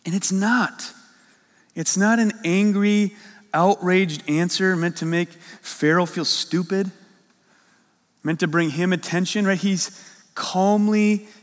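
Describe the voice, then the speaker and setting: Animated pastor preaching in a reverberant hall. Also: male voice, sits high, takes it slowly. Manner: animated, emphatic, rising with excitement. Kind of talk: sermon. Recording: long reverb of a large hall.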